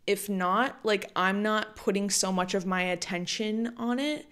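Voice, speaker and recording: Speaking unhurriedly in a medium pitch, this solo podcast host in her late twenties has a fairly bright, clean tone. Her style is chatty, sprinkled with frequent "like"s.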